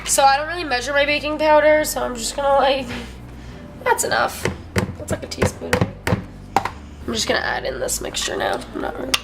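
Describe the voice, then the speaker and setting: Chatty young woman with a higher voice. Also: lively intonation, moderate pace, gravelly, over loud music. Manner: chatty and rambling, with many fillers and giggles. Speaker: vlogger. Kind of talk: casual cooking vlog chat. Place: home kitchen.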